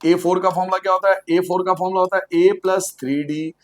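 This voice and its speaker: A man's voice: sits high, fairly even intonation, fast talker. A man teaching a school maths lesson to students, asking questions and answering them himself, repeating each step in a sing-song way and joking with the class. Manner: playful, jokes with the class.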